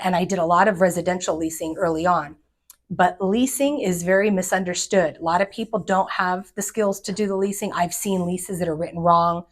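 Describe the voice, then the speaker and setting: A middle-aged woman with a fairly low voice speaks with direct energy, giving practical advice to other agents. Her delivery is confident and brisk. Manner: energetic, direct, acts out quoted people. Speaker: commercial real estate agent. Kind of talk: advice talk to fellow agents.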